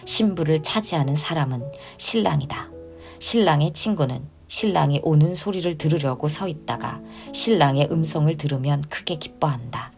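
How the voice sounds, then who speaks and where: A woman reading the words of John the Baptist as a humble male prophet, measured and plain. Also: deep voice, animated, gravelly, a little mellow, faint music behind. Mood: earnest.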